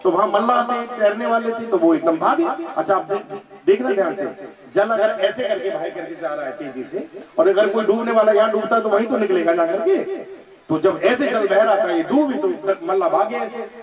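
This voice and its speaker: Animated high-voiced male preacher. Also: fairly quick, a crowd in the background. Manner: animated storytelling, acting out the characters' dialogue. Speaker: katha storyteller preacher. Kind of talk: devotional sermon with acted-out stories. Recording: echoey, distant, dull sound with music behind.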